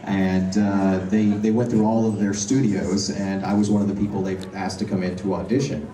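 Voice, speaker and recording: A man answering fan questions at a convention panel, telling animated anecdotes and acting out the voices of people in his stories. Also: low-pitched, moderate pace. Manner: animated anecdotal storytelling, acts out quoted voices. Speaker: convention panel guest voice actor. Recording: roomy hall, recorded from far off.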